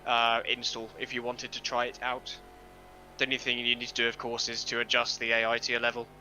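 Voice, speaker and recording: A man's voice: mid-range voice, completely flat delivery, brisk, sharp tone, slight background noise, rough recording. A man streaming a sim race, chatting casually on a headset, self-deprecating and swearing now and then. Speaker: streamer and sim racing driver. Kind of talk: casual chat while racing.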